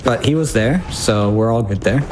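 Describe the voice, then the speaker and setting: A man's voice: medium pitch, normal speed, music in the background. A man giving casual, wry live commentary on his own speedrun, often breaking off his sentences as he thinks aloud. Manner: informal, wry, self-interrupting thinking aloud.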